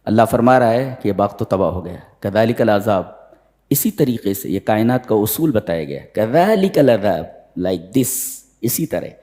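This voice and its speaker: Animated male preacher in a reverberant hall. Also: normal speed. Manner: recites Arabic verses then explains them, dramatic swings in pitch. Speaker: preacher giving Quran commentary. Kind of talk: sermon.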